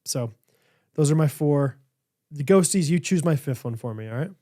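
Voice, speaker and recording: Mellow, slightly high man, rambling. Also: lively intonation, moderate pace. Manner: rambling, trips over his words. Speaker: podcast co-host. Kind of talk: casual chat.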